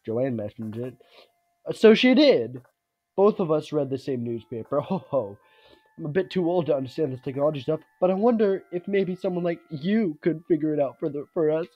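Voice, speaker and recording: A man's voice: a little high, animated, a little fast, highs cut off. A man voicing a jovial, bumbling, friendly older man from a video game, in a hearty manner. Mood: jolly, friendly. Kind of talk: video game character read aloud.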